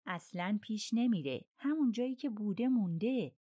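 Woman doing a railway director, excitable, exasperated, exclaiming, raised pitch, dry recording. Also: no room sound, close to an everyday voice. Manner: agitated, exclaiming.

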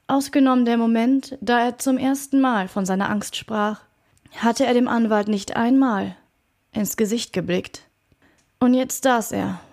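A woman narrating a classic novel as an audiobook in a clear, measured reading voice. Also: a little high, darkish tone. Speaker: audiobook reader.

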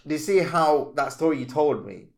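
Animated man co-hosting a podcast. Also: on the high side, brisk, creaky. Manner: animated, exclamatory, acts out reactions. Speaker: podcast co-host. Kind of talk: casual spiritual podcast chat.

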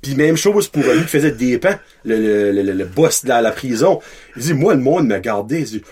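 Man, husky voice, lively swooping intonation, slangy casual podcast talk. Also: mid-range voice, normal speed. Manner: animated storyteller, slangy, mixes in English words.

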